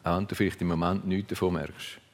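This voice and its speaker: A man's voice: sits low, steady tone, fast, a little hiss or hum. A man preaching a sermon, earnest and reflective, speaking in short phrases. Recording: long reverb of a large hall.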